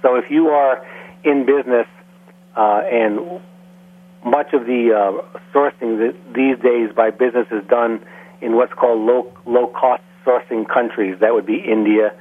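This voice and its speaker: Male radio guest, measured explainer, raspy voice, tinny telephone quality. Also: mid-range voice. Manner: measured, explanatory, with frequent fillers. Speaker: guest language expert. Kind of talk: casual radio interview. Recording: phone-like, husky radio line.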